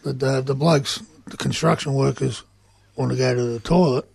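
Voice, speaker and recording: A man with an Australian accent and a rough, gravelly voice, telling stories bluntly and colloquially in casual radio chat. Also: medium pitch, fairly even intonation, moderate pace, darkish tone, no echo. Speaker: union organiser reporting on site visits. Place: community radio studio.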